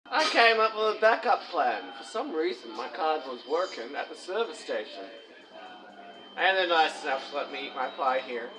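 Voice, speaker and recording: A man's voice: on the high side, big pitch swings, normal speed, background noise. A man vlogging to camera, rambling and complaining, laughing often and talking with his mouth full. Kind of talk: casual chat to camera. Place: fast food restaurant. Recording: music playing in the background. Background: background music.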